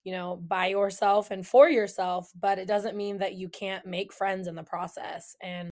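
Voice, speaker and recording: A woman's voice: medium pitch, fairly even intonation, unhurried. Enthusiastic young woman podcast host. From California. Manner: enthusiastic, agreeable, warm-hearted gushing. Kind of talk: casual podcast chat.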